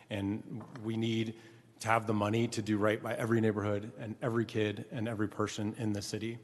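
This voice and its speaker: A man chairing a city council meeting, speaking in a measured, earnest way with frequent fillers. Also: fairly low pitch. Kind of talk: formal council meeting remarks. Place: large council chamber. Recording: echoey council chamber.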